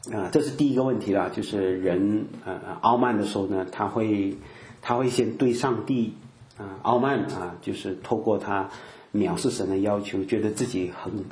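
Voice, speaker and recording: A man's voice: on the low side, darkish tone, roomy sound. An older man giving a conversational sermon, full of filler particles and acted-out quotes. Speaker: preacher.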